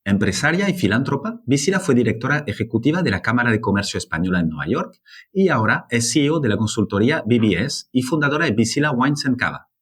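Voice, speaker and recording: A man from France, a native French speaker, hosting an interview podcast in a lively, hesitant way with many fillers. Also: medium pitch, fast talker, slightly rough. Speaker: podcast host.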